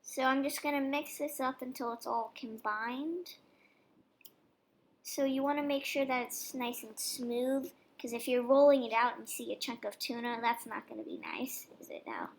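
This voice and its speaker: A young woman vlogger does a casual voice-over while baking dog treats, chatting relaxedly and walking through each step. Her voice is on the high side and creaky, at normal speed.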